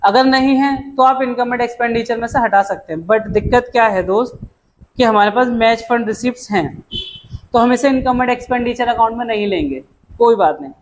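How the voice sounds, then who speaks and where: A man teaching an accounting lecture in a brisk, chatty way, calling students "beta" and "dost" and dropping English terms into his explanations. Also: extremely high pitch, a little hiss or hum, poor audio. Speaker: commerce tutor. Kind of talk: classroom lecture.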